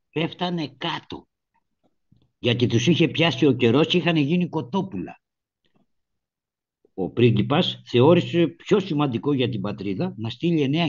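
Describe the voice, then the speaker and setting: A man hosting a talk radio show, telling a history story in a lively way and acting out the quoted lines. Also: mid-range voice. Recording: lo-fi radio recording.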